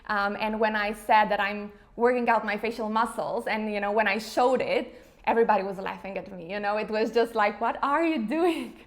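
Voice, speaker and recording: A woman's voice: mid-range voice, normal speed. A woman in her thirties from Slovenia, an English speaker, chatting casually in an interview with frequent fillers like "you know". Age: 30s. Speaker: interview guest, face yoga founder.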